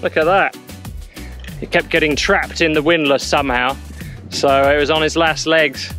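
A man with a high voice narrates a sailing vlog in an easygoing way, explaining things with relaxed fillers. He speaks as the boat's captain. Faint music sits behind him. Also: moderate pace. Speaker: boat captain.

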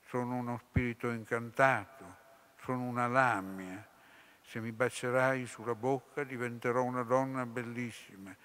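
A man's voice: medium pitch, fairly bright tone, close to an everyday voice. A man reading the part of a seductive female serpent spirit, speaking languidly with a sibilant edge, in a storybook reading. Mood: pleading. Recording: long hall reverb.

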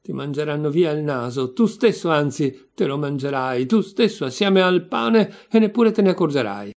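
A man's voice: on the high side, moderate pace, a little mellow, natural voice. A man voicing a frightened, stubborn male clerk who mutters insistently. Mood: fretful.

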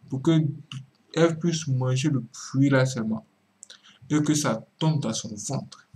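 A man preaching in a video commentary, swinging from emphatic cries down to low murmured asides and repeating words for emphasis. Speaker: religious commentator.

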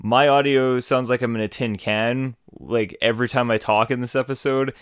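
A man's voice: mid-range voice, fairly even intonation, normal speed, clear, resonant tone, dry recording. A man talking casually to his viewers in a rambling, apologetic manner as a gaming host. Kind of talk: casual unscripted announcement to viewers. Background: music.

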